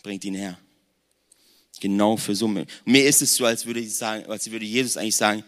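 A man around forty preaching a lively sermon in a conversational tone, speaking straight to the congregation. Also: lowish voice, fast talker. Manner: conversational, addresses the congregation directly, mixes in English slang words. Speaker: pastor.

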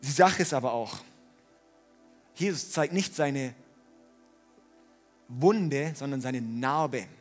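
A man preaching a sermon, animated, swinging between loud emphatic lines and quiet ones. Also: mid-range voice, takes it slowly, pauses often, soft background music. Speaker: pastor.

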